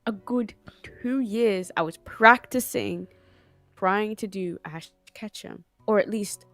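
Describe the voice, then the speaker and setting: A woman's voice: mid-range voice, slow pace, a bit bright, dry recording, faint music behind. A young woman in a casual podcast chat, telling stories in a laid-back, dry way.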